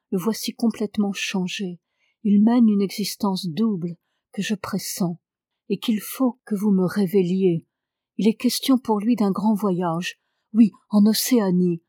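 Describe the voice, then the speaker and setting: A woman's voice: medium pitch, mellow, dry recording, studio quality, lightly acted. A woman reading the lines of an older gray-haired lady who pleads urgently.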